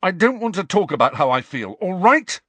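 Raging grief-stricken teenage boy, played by a man, loud and high, voice shaking, audiobook. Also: lively intonation, slow, breathy edge, no echo. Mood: furious. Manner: shouting, voice shaking with rage.

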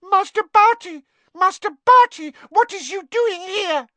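A man voicing a small, frantic, devoted female house-elf servant in an audiobook, shrill and pleading in broken grammar. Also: a little slow, fairly bright tone, no echo. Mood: horrified shrieking.

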